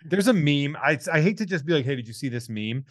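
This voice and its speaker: A man hosting a podcast, chatting casually and jokily while reading out listener shout-outs. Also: a little high, expressive, quick pace, dry recording, studio quality. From New England. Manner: rambling, jokey, reads listener shout-outs. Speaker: podcast host. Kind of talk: casual chat.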